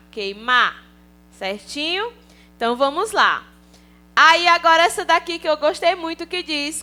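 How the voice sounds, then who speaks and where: A woman's voice: high-pitched, sharp tone. A Brazilian woman teaching a recorded online class to young children, cheerful and coaxing, often checking in with the kids. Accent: Brazilian Portuguese. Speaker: primary school teacher.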